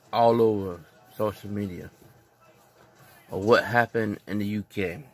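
A man with a lowish, somewhat bright voice records a casual opinion vlog on his phone in a dim living room. He comes across as earnest and preachy, repeating his points.

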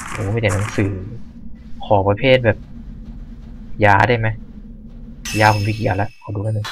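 Low-voiced man swearing through a horror game. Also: creaky, background noise. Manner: swears freely, reacts loudly to scares; talks to himself while exploring. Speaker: gamer. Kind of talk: let's play commentary.

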